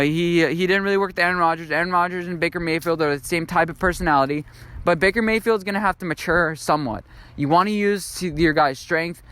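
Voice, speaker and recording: A man's voice: a little high, a bit bright, clear, resonant tone. A young man giving an unscripted football commentary monologue, rambling and thinking aloud with frequent fillers and restarts. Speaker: sports video host.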